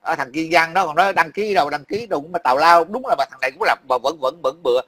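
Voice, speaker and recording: A man with a high, sharp-pitched voice. He rants with angry, profane heat and circles back to the same phrases again and again. Under the fury there is a worn-out, grumbling weariness. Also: quick pace, husky. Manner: angry, profane, repetitive ranting. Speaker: livestream commentator. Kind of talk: heated political rant.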